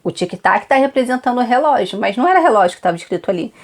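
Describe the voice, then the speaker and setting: A woman's voice: on the high side, lively intonation, rapid-fire. Chatty Brazilian woman teaching exam prep. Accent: Brazilian Portuguese. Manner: chatty, repeats tips, frequent "tá?" check-ins. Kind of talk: online exam-prep lesson.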